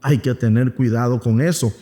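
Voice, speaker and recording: A man's voice: mid-range voice, normal speed, mellow, faint music behind. A man with a Venezuelan accent preaching a Sunday school sermon, telling a story and acting out its quotes, calling his listeners "mis amados". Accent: Venezuelan Spanish. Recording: long hall reverb.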